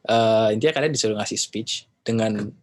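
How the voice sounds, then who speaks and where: A man teaching in a casual, chatty way, relaxed and full of fillers and slang. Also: lowish voice, moderate pace. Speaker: English teacher. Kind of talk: casual lesson talk.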